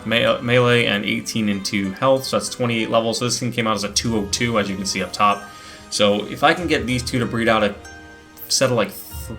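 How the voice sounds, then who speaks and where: A man's voice: on the low side, vocal fry, bright, forceful tone. A man hosting a gameplay video, chatting and explaining as he plays, with frequent fillers and restarts. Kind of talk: casual gameplay commentary.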